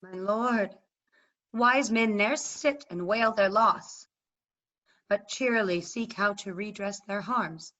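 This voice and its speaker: A woman's voice: medium pitch, slow, a bit bright. A woman playing a proud, wronged warrior queen in a staged reading of verse drama, declaiming formally over a video call. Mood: resolute. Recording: slightly dull video-call audio.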